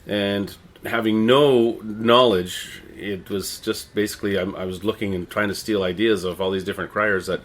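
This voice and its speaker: A middle-aged man with a Canadian accent answers interview questions conversationally, in a halting, rambling way with repeated words. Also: on the low side, steady tone, fairly bright tone. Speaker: interviewee, town crier and visitor services manager.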